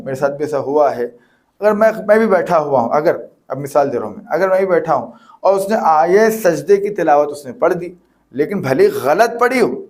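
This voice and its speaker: A man's voice: on the high side, darkish tone. A man, a cleric, giving a religious lesson in Urdu, explaining rules with everyday examples and repeating himself for clarity. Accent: Urdu with Hyderabadi touch. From Hyderabad, Pakistan. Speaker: Shia cleric teaching religious rulings.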